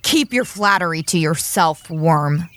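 A woman's voice: low voice, lively intonation, unhurried, fairly bright tone, no room sound. Casting: cutting, no-nonsense fighter girl, faint music under. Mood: sarcastic. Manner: cutting, sarcastic. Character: sharp-tongued young female warrior, tough.

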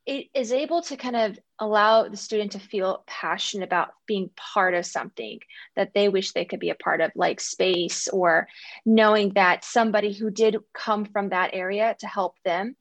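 A woman's voice: medium pitch, moderate pace, dry recording. Enthusiastic woman guest, dry sound. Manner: enthusiastic, earnest. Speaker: guest, math coach. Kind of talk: casual interview talk.

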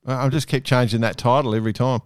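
A man's voice: medium pitch, fairly even intonation, fast talker, smooth, dry recording, studio quality. A man hosting a casual sports chat. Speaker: podcast host.

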